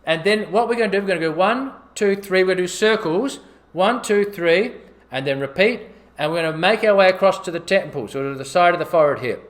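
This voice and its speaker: A man's voice: sits high, expressive, a little fast. A man casually demonstrating a facial gua sha routine, counting his strokes aloud as he works.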